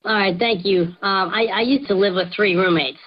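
A man's voice runs through a voice changer and comes over a dull phone line. He sounds subdued and low-key, with halting restarts as he tells a confession to a radio show. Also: fairly even intonation. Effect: voice changer disguising the voice. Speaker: caller.

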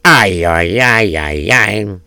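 A man doing a gravelly poor man with a lilt. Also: lowish voice, lively intonation, slow, sharp tone, no echo, exaggerated voice. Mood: bewildered. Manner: stammering, pleading, hums to himself.

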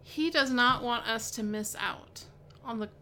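A woman's voice: fairly high pitch, unhurried, bright, forceful tone, slight background noise. A woman hosting a devotional podcast, chatting casually about a Bible passage with lots of fillers, restarts and "right?" tags. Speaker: podcast host and Bible teacher.

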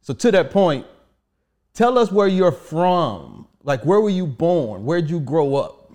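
A man's voice: fairly high pitch, sing-song, slow, darkish tone. A man hosting a casual podcast interview, joking around while steering the talk back on track. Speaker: podcast host.

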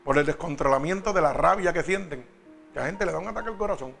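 A man's voice: a little high, fast, gravelly, a bit bright, soft background music. A man preaching a sermon, talking straight to the congregation with emphatic questions.

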